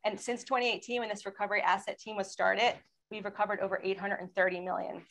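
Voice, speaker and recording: A woman speaking as a panelist in a webinar presentation, explaining in a steady way and asking for slide changes. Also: medium pitch, fast talker, rough recording. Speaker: federal law enforcement panelist.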